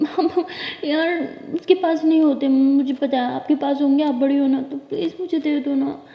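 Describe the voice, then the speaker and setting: A woman's voice: high voice, fairly even intonation, moderate pace, creaky. A woman doing a shy, flustered teenage girl. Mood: pleading. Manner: hesitant, pleading, stumbling over words. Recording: echoey room, dull lo-fi sound.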